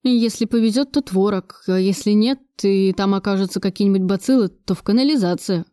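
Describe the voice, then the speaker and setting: A woman reading an audiobook, voicing a furious, gruff middle-aged male factory director who curses and shouts. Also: medium pitch, fairly quick, no echo, studio quality, natural voice. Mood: grumbling.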